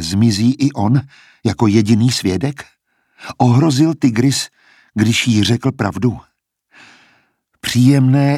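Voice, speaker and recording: A man reading an audiobook in calm, measured scripted narration. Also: fairly low pitch, slightly rough, no echo, studio quality.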